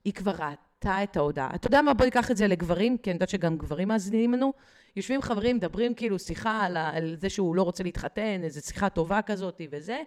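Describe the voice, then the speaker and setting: Woman guest, lively storyteller, mid-pitched, acts out voices, talks straight to the host. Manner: lively, acts out quoted people, addresses host directly. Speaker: guest expert on digital habits. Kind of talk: podcast interview, animated storytelling.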